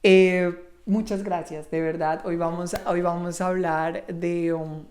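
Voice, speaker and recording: A woman's voice: fairly low pitch, level tone, takes it slowly. A woman hosting a podcast interview, asking long, meandering questions and backing the guest with short remarks. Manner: warm encouraging interjections, rambling questions. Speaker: podcast host. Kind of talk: conversational interview.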